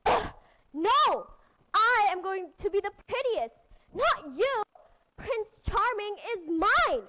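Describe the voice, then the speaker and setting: A woman doing a shrill bratty stepsister. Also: lively intonation, slow pace, pushed and bright, slight background noise, heavily acted, low-quality recording. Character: bratty vain young stepsister.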